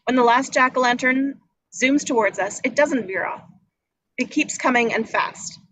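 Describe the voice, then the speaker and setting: Her voice sits high with a fairly bright tone and a moderate pace. She is the stage directions reader at a table read, voicing screenplay action descriptions, captured in a low-quality recording with noticeable background noise.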